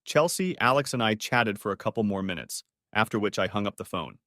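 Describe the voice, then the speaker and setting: A man narrating a first-person family story in a steady, matter-of-fact way on a close mic. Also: fairly low pitch, fairly quick, no room sound.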